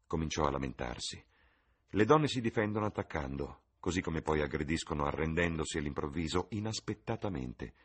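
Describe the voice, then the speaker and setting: A man narrating a classic novel as an audiobook, in a measured, expressive manner. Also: very deep voice, breathy edge. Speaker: reader.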